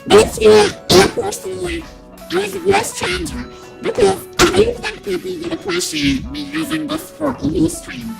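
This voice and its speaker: A woman streamer speaking through a random voice-changer preset, talking slowly and playfully. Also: very high voice, vocal fry, over loud music, pitched above the performer's own voice, exaggerated voice. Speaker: vtuber streamer.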